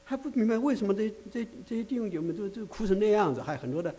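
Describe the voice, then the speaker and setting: Male preacher, fairly high and warm voice, chatty sermon with frequent rhetorical check-ins. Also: expressive, rapid-fire. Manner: chatty, many rhetorical asides and restarts. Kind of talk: conversational sermon.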